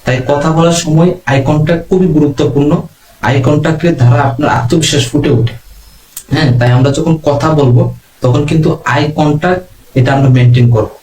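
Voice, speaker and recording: বাংলাদেশের এক পুরুষ অনলাইন ক্লাসে যোগাযোগ দক্ষতা শেখাচ্ছেন, ধীর ও মাপা ভঙ্গিতে একটার পর একটা টিপস দিচ্ছেন।. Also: male voice, a little high. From Bangladesh. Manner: calm, measured teaching with numbered tips. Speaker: online class instructor. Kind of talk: online lesson on communication skills. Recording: roomy echo.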